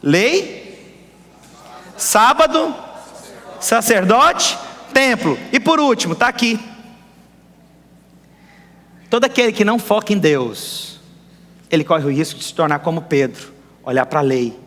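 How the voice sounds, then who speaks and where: A man preaching a lively sermon as pastor, firing rhetorical questions at the congregation. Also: high-pitched, measured pace, long pauses. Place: church hall. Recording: echoey church hall.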